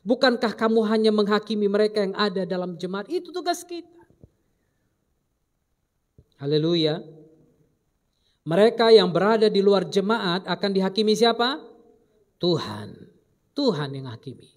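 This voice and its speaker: A man preaching a sermon as pastor, delivering emphatic commands and then dropping into low asides. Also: very animated, normal speed, pauses often.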